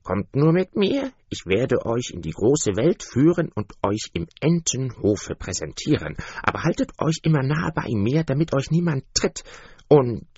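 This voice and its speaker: A man's voice: medium pitch, big pitch swings, measured pace, a little mellow, slightly rough, no echo, pitched above the performer's own voice, heavily acted. A man voicing a proud, protective mother duck in a fairy-tale reading, earnest and coaxing, on a dull, dry recording.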